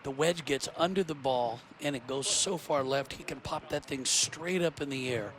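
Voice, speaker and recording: A man's voice: mid-range voice, normal speed, fairly bright tone, a little hiss or hum. A man giving live golf commentary, explaining technique in a conversational analyst's way. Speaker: golf commentator, former player.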